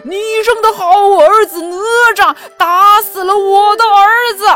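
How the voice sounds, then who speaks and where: A woman's voice: very high-pitched, a little slow, bright, forceful tone, faint music behind, pitched above the performer's own voice, full character voice. A woman doing a furious dragon king. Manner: angry, threatening. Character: furious grieving old male dragon king.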